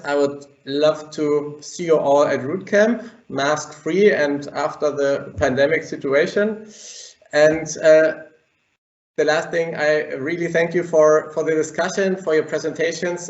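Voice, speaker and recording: A man moderating a webinar panel over a group video call, halting and restarting his sentences with many fillers. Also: a little high, fairly even intonation. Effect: group video call audio. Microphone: computer mic on a video call. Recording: dull, echoey call audio.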